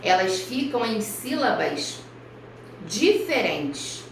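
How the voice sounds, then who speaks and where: A woman primary school teacher from Brazil giving a recorded review lesson for children, speaking slowly and carefully and spelling out each example. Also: on the high side, big pitch swings, a little hiss or hum. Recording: echoey room, voice far from mic.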